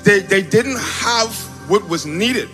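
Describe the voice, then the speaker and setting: A man raised in the Bahamas tells his testimony on a large auditorium stage, speaking into a handheld mic that another man holds for him. His voice is high and bright, and he gets animated and shouts when excited. Faint music plays behind him. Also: slow. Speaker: testimony speaker at a church event. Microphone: handheld mic held by another man.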